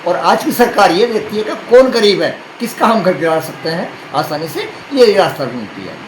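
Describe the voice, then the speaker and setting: A man's voice: high voice, very animated, moderate pace. A man, a party official making a formal, earnest protest statement to a reporter. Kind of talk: speaking to a reporter. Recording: echoey room with noise.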